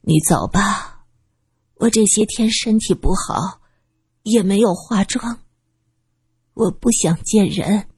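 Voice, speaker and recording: A woman doing a hoarse, reclusive woman. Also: mid-range voice, slow, long pauses, a little mellow, no echo, clean studio sound, exaggerated voice. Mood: withdrawn. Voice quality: hoarse, strained. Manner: curt, pleading. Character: reclusive hot-tempered woman, hoarse and hiding.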